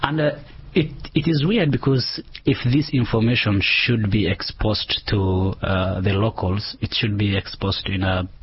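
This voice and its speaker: A man's voice: on the low side, measured pace, few pauses, slight background noise. A young man with a Kenyan accent, a guest in an interview, telling his story hesitantly with many fillers. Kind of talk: conversational interview. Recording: dull lo-fi recording.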